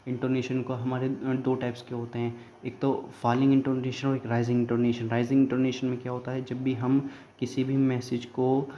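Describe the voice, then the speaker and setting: Flat-voiced man tutoring for exams. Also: medium pitch. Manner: mixes Hindi and English, reads notes haltingly. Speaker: exam-prep tutor. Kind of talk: casual revision lecture.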